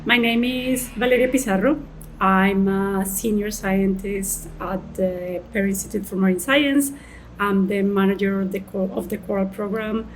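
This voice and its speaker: A woman scientist from Colombia, answering interview questions at an unhurried pace and restarting phrases as she goes. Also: mid-range voice, fairly even intonation, faint music behind, poor audio. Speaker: senior marine scientist.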